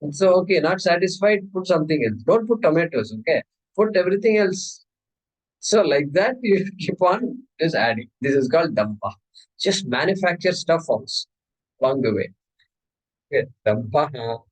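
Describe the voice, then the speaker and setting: A man's voice: fairly high pitch, animated, normal speed, poor audio. A man with an Indian accent gives an explanatory scripture lecture as a teacher, repeating key words and checking in with his listeners. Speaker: teacher of a Sanskrit scripture class.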